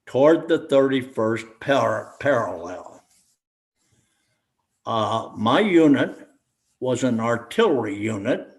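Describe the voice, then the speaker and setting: An elderly American man, a war veteran in his eighties or older, reminiscing and explaining in a deliberate, halting way with long pauses. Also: mid-range voice. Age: 80s or older. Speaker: war veteran being interviewed.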